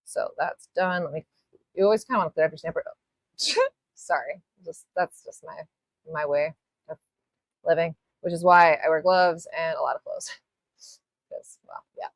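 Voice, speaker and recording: A woman's voice: low voice, moderate pace, pauses often, no room sound. A woman hosting a live nail art tutorial, chatting casually as she works, rambling, apologizing and swearing a little. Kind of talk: live-stream tutorial chat.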